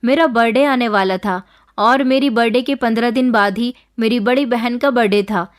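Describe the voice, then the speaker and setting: A woman telling a scripted first-person story with a steady, even storytelling delivery. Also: fairly high pitch, moderate pace.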